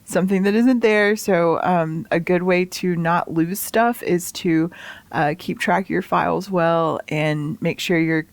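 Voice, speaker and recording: A woman college writing instructor explaining course policies to students in a relaxed, reassuring way with many fillers. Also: fairly low pitch, measured pace, dry recording. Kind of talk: casual course orientation talk.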